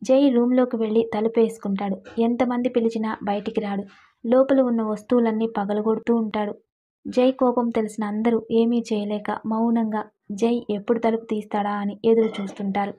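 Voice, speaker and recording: A woman narrating a romance story in a steady, even reading. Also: fairly high pitch, moderate pace. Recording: dull lo-fi recording.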